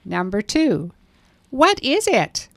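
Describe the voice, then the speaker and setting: A woman reading English lesson prompts slowly and with clear, careful enunciation. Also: on the high side, sing-song, dry recording. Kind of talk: scripted language lesson dialogue.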